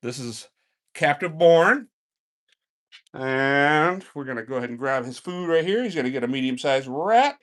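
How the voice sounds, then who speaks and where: A man hosting a live snake-feeding stream from an indoor snake room, talking in a relaxed, chatty way as he coaxes the snakes and answers viewers. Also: mid-range voice, moderate pace. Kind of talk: casual live-stream narration. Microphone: handheld phone camera.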